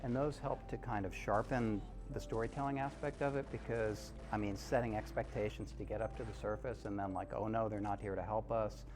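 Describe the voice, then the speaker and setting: A man's voice: fairly low pitch, steady tone, brisk, hardly any pauses. A man talking casually as a game developer in a documentary interview.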